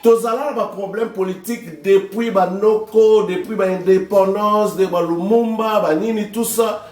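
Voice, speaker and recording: Calling his listener "maman" and drawing on proverbs, a Congolese man (DRC) explains his political opinions as a talk-show commentator. His voice sits high for a man but has a darkish tone, with fairly even intonation and moderate pace. He's set back from the microphone in a roomy recording.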